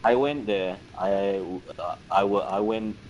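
Low-voiced man chatting on a stream. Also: darkish tone, highs cut off, slight background noise. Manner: halting, restarts, simple English. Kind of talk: casual gaming stream chat.

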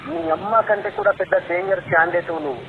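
A high-pitched man argues heatedly over a tinny phone line. He is confrontational and threatening, pressing the same demands and questions again and again. Strong noise runs through the recording. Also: big pitch swings, rapid-fire. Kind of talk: heated personal phone argument. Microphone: telephone line. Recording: leaked phone call, tinny, very noisy.

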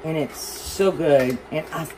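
Cooking at home under an overhead camera on the stove, a Southern woman with a low-sitting voice speaks at a measured pace. Her casual demonstration is chatty and rambling, full of self-deprecating jokes. A loud kitchen fan adds plenty of noise.

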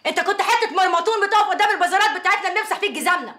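A woman's voice: very high-pitched, racing, sharp tone. An actress playing a bitter, scornful divorced mother with an Egyptian accent in a TV drama. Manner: scornful, cutting.

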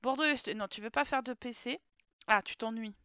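A woman's voice: on the high side, a little fast, sharp tone, clean tone, no echo, dull audio. A woman streaming a life-sim game from home, chatting casually and talking to her game characters. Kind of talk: casual live gameplay commentary.

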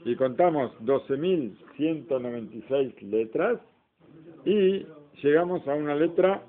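Hombre enseñando Torá, sonido telefónico. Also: male voice, on the high side, animated, measured pace. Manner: explanatory, asks the class questions. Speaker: Torah teacher. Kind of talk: informal Torah class. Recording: tinny phone-like recording.

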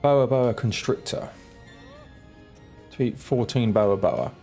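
A gaming channel host with a cold and a congested voice runs a casual let's-play, muttering in a laid-back, self-deprecating way into an off-camera desk microphone. His medium-pitched voice is animated yet slow and a little mellow, with faint music behind.

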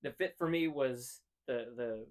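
A man's voice: mid-range voice, a little slow. A man in his thirties co-hosting a casual chat show, talking in an opinionated, emphatic way and repeating phrases to drive a point home. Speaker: co-host. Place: room full of hanging jerseys.

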